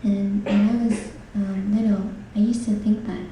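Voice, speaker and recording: A woman speaking gently to an audience, unhurried and often pausing with "um". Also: medium pitch, flat delivery, far from the mic, a little hiss or hum. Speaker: speaker at a talk. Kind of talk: dharma talk to an audience. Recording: roomy hall, speaker off-mic.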